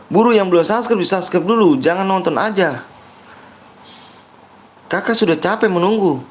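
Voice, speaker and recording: A young man with a high-pitched voice hosts a game livestream at a moderate pace, speaking slightly raised. In loose, casual talk he reads viewer comments aloud, banters in a playful, joking persona, and keeps urging people to like and subscribe.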